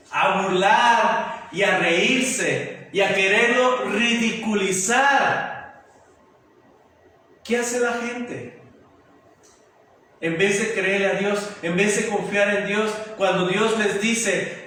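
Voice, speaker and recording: A man's voice: very high voice, bright, forceful tone. A man preaching a sermon as pastor, emphatic and repetitive, often asking the congregation rhetorical questions. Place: church sanctuary. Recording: very echoey church hall from far off.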